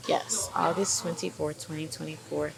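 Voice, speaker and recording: A woman's voice: sits low, steady tone, normal speed, gravelly. A young woman from Boston and Brooklyn talking casually to camera about her business, upbeat and chatty with lots of fillers. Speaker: vlogger and branding agency owner. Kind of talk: casual direct-to-camera vlog. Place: visiting hometown, background chatter. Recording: noisy audio with crowd chatter behind.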